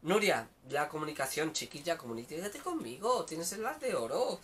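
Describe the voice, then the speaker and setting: A man's voice: fairly high pitch, big pitch swings, moderate pace, fairly bright tone, a little hiss or hum. A man giving a casual live tarot reading, chatty and repetitive, calling out viewers by name. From Spain. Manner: chatty, repeats words, greets viewers by name. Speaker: tarot reader on a live stream.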